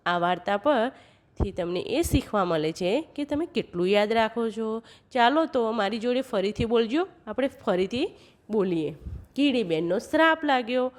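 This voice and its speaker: A woman narrating a children's story, chanting a repeated refrain slowly and talking to the kids directly. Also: fairly high pitch, expressive.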